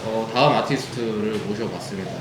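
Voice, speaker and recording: A man's voice: on the low side, brisk, roomy sound, far from the mic, crowd noise, low-quality recording. A man co-hosting an interview, chatting casually and teasing the guest, with frequent murmured replies. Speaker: co-host.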